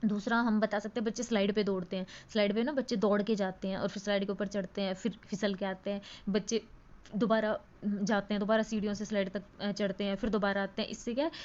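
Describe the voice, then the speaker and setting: A woman's voice: medium pitch, dull audio. A woman tutor giving an exam-prep lecture. She explains at length, with many fillers and repeated words.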